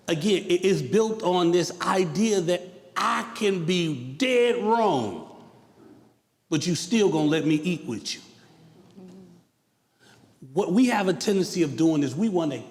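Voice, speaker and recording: A man's voice: high voice, a little mellow. A man speaking on a panel at a symposium, in an emphatic, rising delivery with a preacher's cadence. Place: university event hall. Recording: echoey hall with long reverb.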